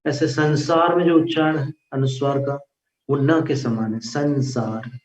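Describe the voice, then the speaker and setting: A man teaching how to recite a hymn, chanting verse lines slowly and then explaining the pronunciation in quick spoken asides. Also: fairly high pitch, slight background noise. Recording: echoey, dull, distant mic.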